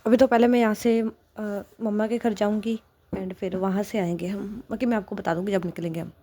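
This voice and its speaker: A woman narrator voicing an eager, happy young woman, chatty and warm-hearted. Her voice stays in a middle register, plain and unforced, in storybook style. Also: mid-range voice, steady tone, fairly quick, lightly acted.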